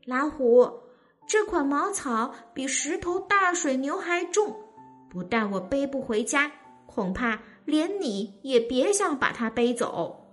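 A woman's voice: sits high, sing-song, slow, fairly bright tone, soft background music, full character voice. A woman voicing a small, clever male rabbit in a children's story, sly and playful.

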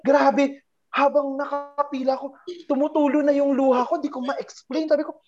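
A woman's voice: high voice, flat delivery, moderate pace, dark tone. A young woman casually telling an emotional personal story, laughing often as she shares it with a friend. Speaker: guest sharing a testimony. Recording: dull lo-fi recording.

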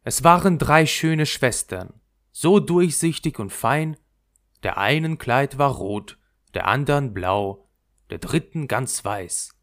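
A man narrating a fairy tale aloud. His mid-pitched voice moves in a lively, melodic line as he tells the story. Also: slow pace.

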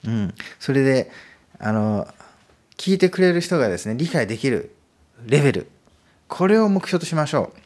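A man's voice: medium pitch, sing-song, moderate pace, pauses often, a little mellow. A man hosting a casual solo podcast about learning Chinese, talking in a friendly, explanatory way with many fillers. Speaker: podcast host teaching Chinese.

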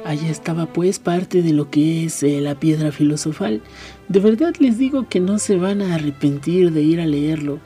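A man hosting a radio program, reading a novel aloud in a calm, measured way. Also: on the high side, faint music behind. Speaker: radio host and reader.

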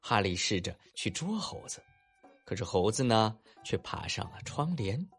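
Husky-voiced man telling a children's story. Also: on the low side, unhurried, faint music behind. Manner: animated, warm-toned coaxing asides to kids.

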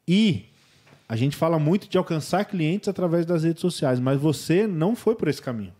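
A man's voice: fairly high pitch, lively intonation, moderate pace, warm tone. A man hosting a podcast, who asks casual leading questions and backs up his guest's answers. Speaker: podcast host.

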